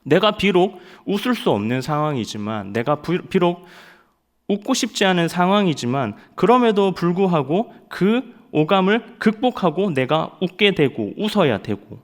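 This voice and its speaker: A young man preaching a sermon, telling stories in an animated way and acting out loud quotes. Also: sits high, normal speed. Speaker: evangelist preaching at a Friday night prayer service.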